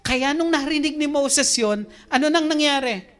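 A woman delivering a sermon in a somewhat high voice. She reads scripture softly and slowly. Then she swells into lively, emphatic exhortation. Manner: animated, swings between soft scripture reading and emphatic exhortation. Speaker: preacher.

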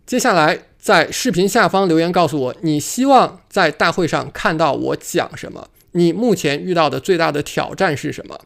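Higher-pitched man coaching with creaky voice. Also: expressive, moderate pace, hardly any pauses, a bit bright. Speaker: host and real estate investing coach. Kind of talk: instructional monologue to camera.

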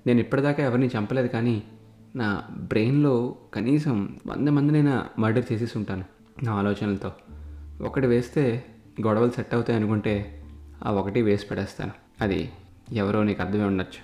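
A man voicing a calm, steely young man in a spoken story, low and measured with a quiet menace, recorded in an echoey room with faint guitar music. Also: natural voice. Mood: cold.

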